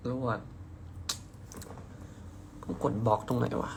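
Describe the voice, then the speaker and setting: A young man chats on a phone live stream, reading comments aloud in an unhurried, drawn-out way. His tone is teasing and loose, with casual swearing. A faint hum of noise sits under the voice. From Nakhon Si Thammarat, southern Thailand.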